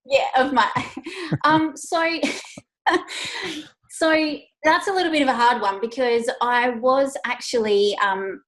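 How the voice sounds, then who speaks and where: A woman's voice: high-pitched, takes it slowly, long pauses, fairly bright tone. An Australian woman in her thirties, a guest in a casual interview, talking chattily with many fillers and frequent laughs. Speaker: guest, agency owner. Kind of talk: casual interview over a call.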